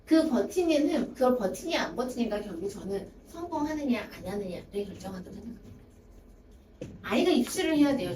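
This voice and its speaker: A woman academy director giving a talk to parents, explaining her points by acting out students' excuses in their voices. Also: fairly high pitch. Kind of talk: parent information session talk. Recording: echoey room, voice from far off, faint hiss.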